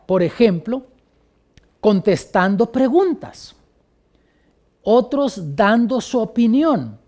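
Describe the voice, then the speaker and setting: A man, a pastor, teaching a training lesson on how to lead Bible studies, instructive and varying his loudness with pauses. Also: sits high, very animated.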